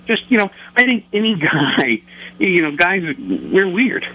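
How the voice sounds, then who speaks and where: A man's voice: high voice, big pitch swings, a little slow, lo-fi sound, slight background noise. A middle-aged man telling rambling, joking, self-deprecating anecdotes as a radio interview guest. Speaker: interview guest, record holder.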